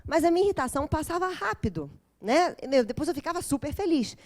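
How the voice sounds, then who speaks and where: A woman's voice: high voice, very animated, fast, a little mellow. A woman giving an intense, dramatic talk at a parents' course, quizzing her audience as she goes. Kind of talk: lecture to a live group.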